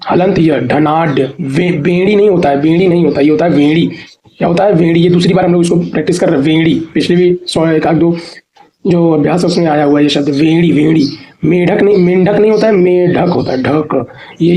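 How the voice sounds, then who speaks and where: High-voiced man drilling Hindi vocabulary. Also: a little mellow, rough recording. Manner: drilling words by repetition, asking and answering himself; mixes in English phrases. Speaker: teacher. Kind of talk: exam-prep Hindi lesson.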